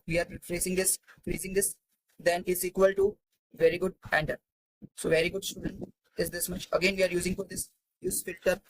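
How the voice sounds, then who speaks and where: Halting man teaching spreadsheets. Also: sits high, poor audio. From India. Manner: halting, thinking aloud with many fillers and restarts. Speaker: Excel tutor. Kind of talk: screen-recorded spreadsheet tutorial.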